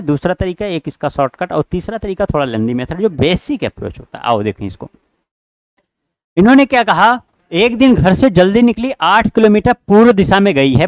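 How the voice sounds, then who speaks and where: A man's voice: high voice, dry recording. A man teaching an online exam-prep class, working through test questions and urging his students again and again. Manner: repetitive, urging students directly.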